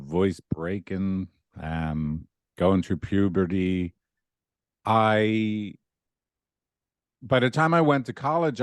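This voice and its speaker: A man's voice: lowish voice, clear, resonant tone, no room sound, studio quality. A middle-aged man with a Dublin Irish accent, telling personal stories in a rambling, conversational interview manner, often checking in with "right?". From Dublin, Ireland. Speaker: podcast guest, relationship therapist. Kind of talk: casual interview, personal storytelling.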